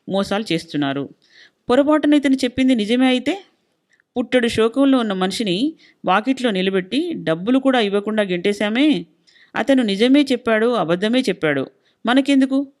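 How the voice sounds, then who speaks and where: A woman doing a gentle, soft-hearted wife. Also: on the high side, lively intonation, fairly quick, close to an everyday voice. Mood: pleading gentle. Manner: gentle, pleading.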